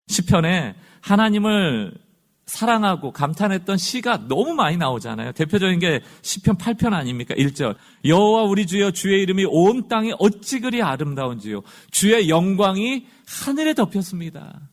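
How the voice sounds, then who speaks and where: A man preaching a sermon as pastor, talking in a conversational way and asking the congregation rhetorical questions. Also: a little high.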